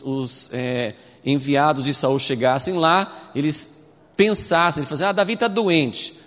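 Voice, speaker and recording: Male Bible teacher, slightly high voice, chatty retelling, long hall reverb. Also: fairly bright tone. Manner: retells scripture conversationally with frequent tag questions.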